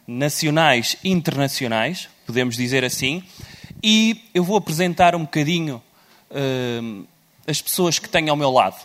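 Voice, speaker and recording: Loud, playful Portuguese moderator man. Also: on the high side. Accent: European Portuguese. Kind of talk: live panel moderation.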